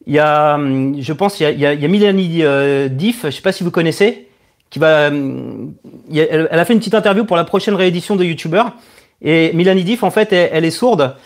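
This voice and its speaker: A man in his thirties with a higher-pitched, hesitant voice hosts a live Q&A stream as an online video creator. He chats casually while answering viewers' questions, speaking haltingly and repeating words as he thinks.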